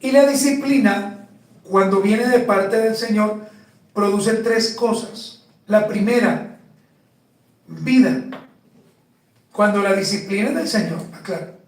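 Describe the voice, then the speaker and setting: A man preaching a sermon as pastor, slow and emphatic, putting rhetorical questions to the congregation. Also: high-pitched, very echoey, far from the mic, rough recording. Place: church.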